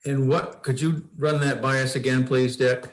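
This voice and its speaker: A man chairing a board meeting in a formal, measured, procedural way. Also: mid-range voice, little pitch movement. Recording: echoey room sound.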